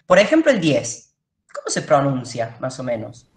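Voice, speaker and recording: A woman's voice: extremely low pitch, wildly swooping pitch, moderate pace, roomy sound. A woman teacher giving a classroom lecture, explaining step by step and checking in with her students.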